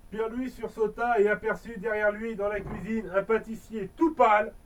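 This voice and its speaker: A man reads a bedtime story aloud to a baby, breaking off for gentle, chatty asides. His voice sits high for a man. It sounds a bit off-mic. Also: flat delivery, normal speed, recorded from a distance, poor audio.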